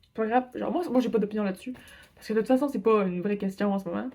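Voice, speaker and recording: A young Québécoise from Quebec, Canada, records a casual vlog on her phone camera, telling a story with a Québécois French accent. Her medium-pitched voice races along as she rambles and chats, using lots of filler words.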